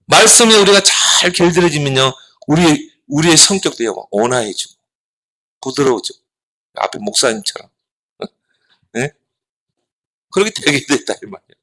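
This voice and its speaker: A middle-aged man preaching a children's sermon, animated, asking the children questions and answering them himself. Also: on the high side, moderate pace, pauses often, rough recording. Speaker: pastor.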